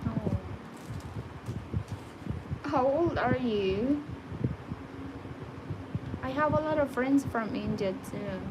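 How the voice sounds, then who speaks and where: A woman's voice: on the high side, very slow, long pauses, lo-fi sound. A woman in her thirties hosting a livestream on her phone, reading out viewer comments and chatting casually. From Philippines. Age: 30s. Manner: reads viewer comments aloud, friendly small talk. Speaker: livestream host. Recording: loud background noise.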